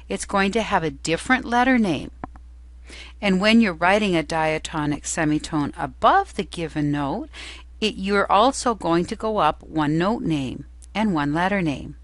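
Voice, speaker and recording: A woman teaches a lesson in a slightly low voice at a slow pace. She is patient and careful, laying out each step in turn as an instructor. The sound is dry, with very little room in it. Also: expressive, no echo. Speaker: music theory teacher.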